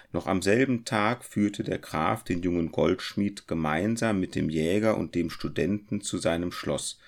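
A man calmly narrating a chapter of a story as an audiobook. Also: low-pitched, creaky. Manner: calm, measured storytelling.

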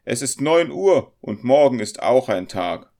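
A stern, grim innkeeper woman in a storybook, her voice pitched high and pushed loud as she scolds her guests, put on by a man reading the tale. She speaks in a sharp, commanding way. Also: big pitch swings, measured pace. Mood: stern, scolding. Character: stern grim female innkeeper, middle-aged.

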